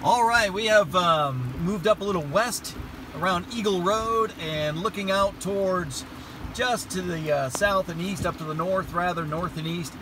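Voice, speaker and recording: An American man, a middle-aged meteorologist, giving casual, halting weather commentary and explaining what he sees as he films on a phone. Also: on the high side. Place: in a car, then outdoors by a wet roadside. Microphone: handheld phone at arm's length. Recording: noisy phone video with traffic and outdoor noise.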